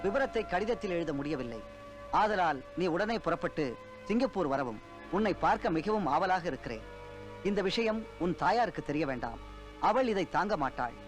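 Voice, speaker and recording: Brief: worried father reading his letter, lively pitch, music faint. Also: normal speed. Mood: urgent. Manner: formal, urgent. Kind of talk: formal letter voice-over.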